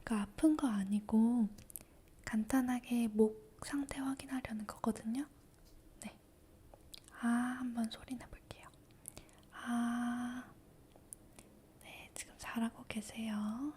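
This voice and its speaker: A woman whispering softly through an ASMR doctor checkup roleplay, gentle, reassuring and patient. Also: on the high side, fairly even intonation, unhurried, a little hiss or hum. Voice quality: soft whisper.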